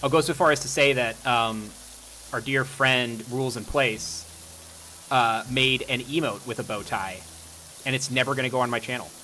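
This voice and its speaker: A man's voice: medium pitch, normal speed, sharp tone, a little hiss or hum, rough recording. A young man streamer telling wry stories in casual chat, with frequent ums and restarts.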